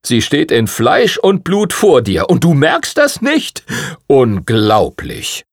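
A man's voice: big pitch swings, a little slow, slightly rough, dry recording, clean studio sound, exaggerated voice. A man voicing an older male prince who is impatient and pompous, lecturing in a stern tone. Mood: amused. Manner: stern, lecturing, booming laugh.

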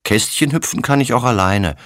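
A man's voice: medium pitch, very animated, moderate pace, dry recording, studio quality, voice pushed up. A man voicing a chatty, eager little girl in a children's audiobook, rattling off plans breathlessly. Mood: sulky.

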